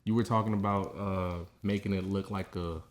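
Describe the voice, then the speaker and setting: A man with an Atlanta accent, chatting on a podcast about his creative ideas, earnest and halting with many fillers. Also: sits low, fairly even intonation. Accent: Southern US, Atlanta. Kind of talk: casual podcast chat.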